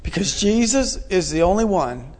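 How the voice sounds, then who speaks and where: A man's voice: sits high, big pitch swings, normal speed, a little mellow. A man in his forties preaching a sermon in an earnest, repetitive way, asking his listeners questions. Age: 40s. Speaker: pastor.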